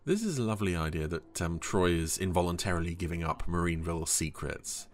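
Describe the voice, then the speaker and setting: Deep-voiced man giving wry commentary. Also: expressive, quick pace, a little hiss or hum. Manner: dry, wry, hesitant asides. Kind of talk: casual, humorous episode commentary.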